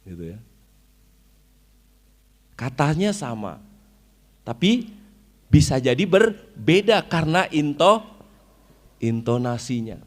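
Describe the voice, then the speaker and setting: A man's voice: a little high, very animated, takes it slowly, long pauses. A man from Indonesia giving a religious study lecture. He explains his points, recites Arabic verses and asks the audience questions. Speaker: Islamic preacher. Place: weekly study gathering.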